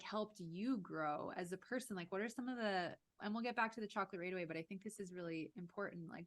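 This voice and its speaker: A woman's voice: medium pitch, a bit bright. A woman in her thirties hosting a casual interview over a video call, speaking in an enthusiastic, upbeat way. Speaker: host. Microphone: video call webcam.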